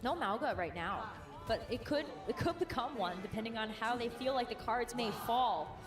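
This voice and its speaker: A woman commentating an esports match in a measured, explanatory way. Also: on the high side, animated. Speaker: esports analyst caster. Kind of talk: analytical commentary. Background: background music.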